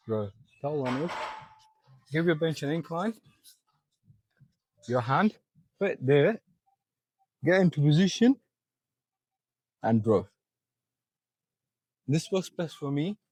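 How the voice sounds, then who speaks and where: A man's voice: medium pitch, a little mellow, no room sound, poor audio. A young man in a gym, out of breath, coaching viewers step by step through a back workout. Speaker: fitness vlogger. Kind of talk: casual gym walkthrough.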